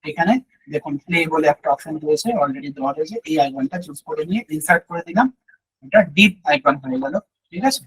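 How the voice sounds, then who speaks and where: A man leads a live web design class in a fairly high, husky voice that has gone a little hoarse from long talking. He walks through each step patiently and keeps checking that his listeners are with him. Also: fast, fairly bright tone, rough recording. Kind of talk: live screen-share tutorial.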